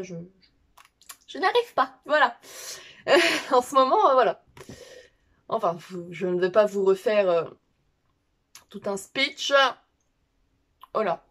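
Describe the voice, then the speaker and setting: A woman's voice: mid-range voice, a bit bright. A woman book vlogger chatting casually to her viewers, hesitant and full of fillers and restarts.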